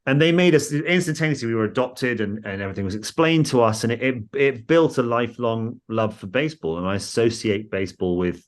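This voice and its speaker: A man's voice: mid-range voice, fairly quick, few pauses. A man with a posh English home counties accent, chatting in a rambling, self-deprecating, enthusiastic way as he tells stories in an interview. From England, home counties. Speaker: interview guest, football club staff. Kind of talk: casual conversational storytelling.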